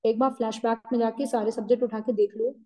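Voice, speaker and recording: A woman's voice: a little high, level tone, fast, mellow, rough recording. A woman teacher gives students a firm, scolding pep talk, slipping into English phrases.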